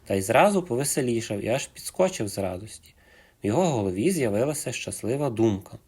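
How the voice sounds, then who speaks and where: A man narrating a folk fairy tale for children in an expressive storytelling manner. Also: mid-range voice, quick pace, slightly rough.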